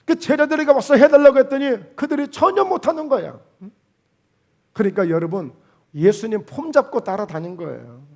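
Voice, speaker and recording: High-voiced Jeolla Korean pastor preaching. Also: male voice, animated, normal speed, vocal fry, darkish tone. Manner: emphatic, rhetorical questions and quoted dialogue. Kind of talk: sermon. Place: church sanctuary.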